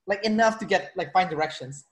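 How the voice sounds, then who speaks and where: Speaking high and briskly, this interviewer from the Philippines is a personality trainer running a relaxed video-call chat. He talks in loose, wandering sentences, often restarting and leaning on fillers.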